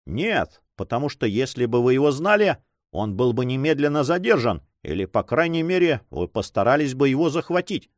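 A man's voice: medium pitch, big pitch swings, moderate pace, few pauses, no room sound, clean studio sound, voice pushed up, natural voice. A man voicing an agitated, earnest young nobleman in an audiobook. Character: distraught, emotional young nobleman.

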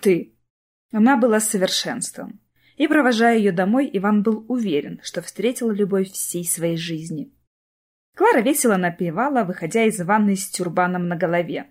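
A woman narrating an audiobook with expressive storytelling. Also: mid-range voice, normal speed.

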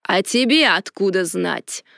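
A woman voicing a gruff, sarcastic male dragon who drawls slowly and rolls a growling R, in a storybook reading. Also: mid-range voice, animated, fairly bright tone, no echo, clean studio sound, voice pushed down. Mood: mocking. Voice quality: growling rolled R. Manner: slow, drawling and mocking.

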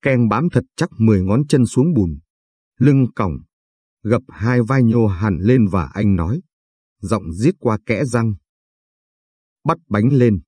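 A man reading a story aloud in a steady, even storytelling way. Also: on the low side, measured pace, breathy edge, no room sound, studio quality. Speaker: narrator.

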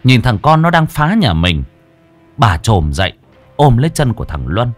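A man narrating a dark story in a vivid, emphatic storytelling style. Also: mid-range voice, very animated, normal speed, faint music behind. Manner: vivid, emphatic, rising with the action. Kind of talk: dramatic horror-story narration.

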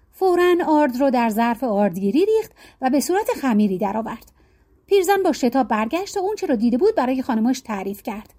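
A woman reading folk tales aloud as a storyteller, with an expressive, lilting delivery. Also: high voice. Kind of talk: storybook narration.

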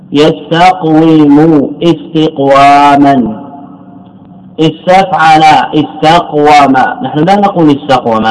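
A man's voice: fairly high pitch, darkish tone, poor audio. A middle-aged man teaching Arabic morphology as a scholar, repeating key phrases and putting questions to himself before answering them. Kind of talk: classical lecture explaining a text.

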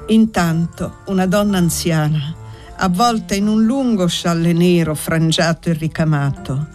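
A reader narrating a classic novel as an audiobook in a steady literary manner. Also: medium pitch, measured pace, faint music behind.

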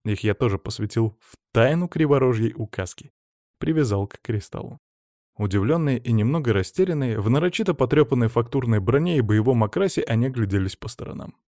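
A man narrating a first-person audiobook in a wry, lively storytelling manner. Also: mid-range voice, fairly quick, dry recording, studio quality.

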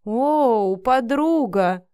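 A chattering, outspoken young woman who gossips with a quick laugh, voiced by a female narrator. Her lines ride high and bright, and the close recording is dry. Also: lively intonation, clean tone, no echo. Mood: lively.

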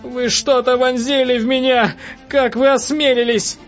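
A man's voice: fairly high pitch, expressive, normal speed, a bit bright, pitched above the performer's own voice. A man voicing a lustful, panicky king who gasps out orders and shrieks in outrage. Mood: shrieking outraged. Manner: commanding, breathless, shrieking. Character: lustful panicky male king, breathless and shrill. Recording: dull lo-fi audiobook with faint music.

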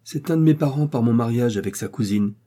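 A man playing a brooding, scheming naval captain with a pensive, measured delivery. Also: mid-range voice, dark tone, natural voice. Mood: guarded.

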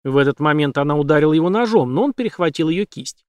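A man narrating an audiobook in a steady, dramatic reading. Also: fairly high pitch, fast, clear, resonant tone, no room sound. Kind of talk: scripted narration.

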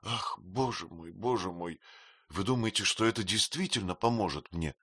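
A man's voice: medium pitch, lively intonation, measured pace, fairly bright tone, dry recording, studio quality, pitched above the performer's own voice. A man voicing a timid, frail young mother who speaks faintly and hesitantly.

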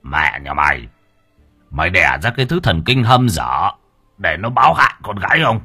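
A man's voice: low-pitched, big pitch swings, moderate pace, sharp tone, breathy edge, faint music behind, exaggerated voice. A man voicing a cruel old male village elder who barks threats and curses. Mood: furious.

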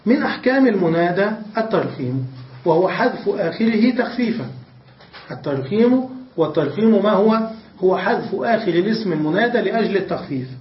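A man, a sheikh, teaching an Arabic grammar lesson, asking his students questions and repeating examples slowly. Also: high-pitched, expressive. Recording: roomy, distant, dull lo-fi recording.

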